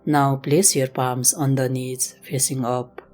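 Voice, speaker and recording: A woman guides a meditation in the manner of a yoga teacher, giving gentle, measured instructions. Her voice is very deep with an even, almost flat melody, and faint music plays behind her.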